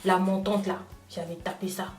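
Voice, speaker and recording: A young woman vlogger telling a personal story in casual chat, talking straight to her viewers in an animated way. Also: mid-range voice, normal speed, echoey room, far from the mic, soft background music. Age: young adult. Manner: animated, addresses viewers directly.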